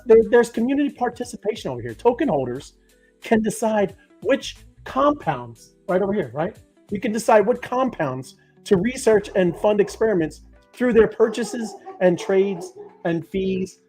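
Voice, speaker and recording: Rambling male crypto co-host, husky and high-voiced, light music behind. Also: darkish tone. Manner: rambling, many fillers and restarts. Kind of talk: casual livestream chat.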